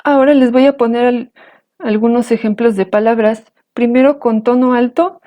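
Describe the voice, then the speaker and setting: A woman teaching a language lesson, explaining slowly and carefully, pronouncing example words. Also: on the high side, fairly even intonation, dull audio. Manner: slow, careful, patient explanation.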